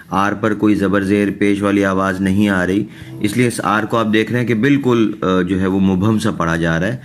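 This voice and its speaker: A man teaching English pronunciation in a recorded online lesson, slow and methodical, saying each example word twice. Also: lowish voice, a bit bright.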